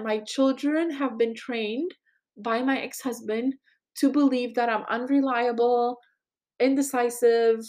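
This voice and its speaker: Chatty mom with a slightly high voice. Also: female voice. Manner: chatty, many fillers and "right?" asides. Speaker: podcast host. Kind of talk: casual personal monologue.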